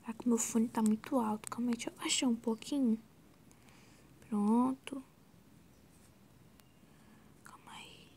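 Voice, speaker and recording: A Brazilian woman talking through a screen tutorial, her voice slightly high with a gravelly fry and a mellow, dark tone. She drifts into soft whispers and mutters exclamations to herself as she clicks along. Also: steady tone, a little slow, long pauses, a little hiss or hum. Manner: chatty and scattered, often dropping to a soft whisper, exclaiming to herself. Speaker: video editing tutorial host. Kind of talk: casual screen-recorded tutorial.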